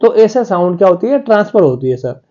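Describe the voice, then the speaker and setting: A male physics teacher with a high-pitched, very animated voice talks quickly in a dark tone, captured in lo-fi sound. Lecturing his class, he addresses students directly and often acts out their questions himself.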